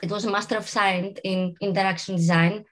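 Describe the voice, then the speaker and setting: A woman's voice: medium pitch, steady tone, a little fast. A woman from Greece, speaking earnestly and emphatically as a panelist over a video call. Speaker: panelist, head of UX research. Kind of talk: panel answer, casual. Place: home room with large windows.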